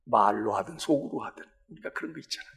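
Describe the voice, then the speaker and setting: A male senior pastor giving a sermon in an animated way, full of rhetorical questions and acted-out dialogue. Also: medium pitch, fast, creaky, breathy edge.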